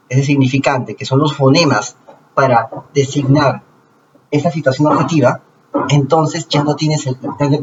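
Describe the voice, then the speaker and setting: A man talking to his viewers in a casual lecture, explaining slowly with rhetorical questions and frequent restarts. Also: medium pitch. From Peru. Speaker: channel host. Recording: distant lo-fi mic with noise.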